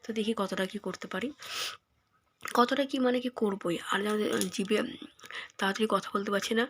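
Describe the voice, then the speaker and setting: A woman in her thirties with a hoarse voice from a cold, softly narrating her day at home in a casual vlog. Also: mid-range voice, steady tone. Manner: soft and unhurried, with many fillers. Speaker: vlogger. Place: home, indoors.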